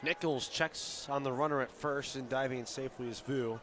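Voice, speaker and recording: Over the crowd and outdoor ambience of a ballpark, a radio play-by-play commentator calls baseball in clipped phrases that rise with the action. He has a mid-range, steady, slightly bright voice, fairly quick, with a little hiss or hum.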